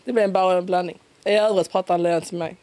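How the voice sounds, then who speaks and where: A woman with a broad Scanian accent chatting in a relaxed interview, talkative and quick to laugh. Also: lowish voice, no echo. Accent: broad Scanian Swedish. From Skåne, southern Sweden. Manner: chatty, laughs often, lively. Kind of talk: casual conversational interview.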